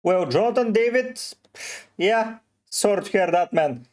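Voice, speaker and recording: A man from Bulgaria with a Bulgarian accent, live streaming and slowly answering viewers' questions one by one. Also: high-pitched, animated, darkish tone. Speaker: fantasy football streamer. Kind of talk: live stream chat, reading comments.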